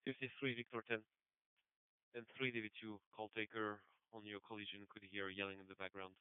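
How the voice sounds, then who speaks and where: A man working as a police dispatcher, heard over a police radio transmission, reading calls in clipped, even procedural codes. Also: lowish voice, a little fast, clear, resonant tone, no room sound. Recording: narrow-band, dry police radio.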